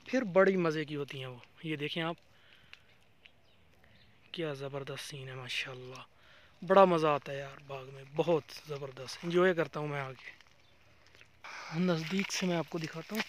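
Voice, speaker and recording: A man's voice: on the high side, fairly bright tone, slight background noise. A young man vlogging outdoors in a date palm farm, chatting casually and pointing things out to viewers while filming with a handheld phone. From Pakistan. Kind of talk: casual walking tour vlog.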